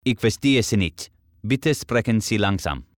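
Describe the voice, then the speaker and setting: A man's voice: fairly low pitch, lively intonation, a little slow, no echo, clean studio sound. A man practising a language lesson, carefully repeating each phrase after his tutor.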